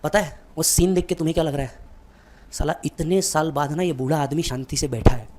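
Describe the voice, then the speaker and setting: A man's voice: a little high, steady tone, fairly quick, a little mellow. A man giving a motivational speech, telling a dramatic story straight to the listener. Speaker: motivational speaker.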